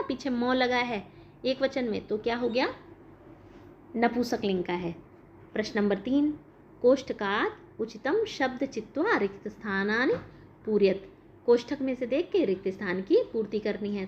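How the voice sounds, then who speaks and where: A woman's voice: fairly high pitch, animated, moderate pace. A woman teacher explaining a school lesson, asking questions and answering them herself. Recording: dull lo-fi recording with faint noise.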